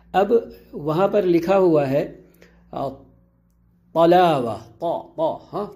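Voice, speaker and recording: Guy teaching pronunciation, warm low-key voice, clears his throat a lot. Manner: slow and measured, with frequent drawn-out pauses and repetition. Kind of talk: explanatory lesson.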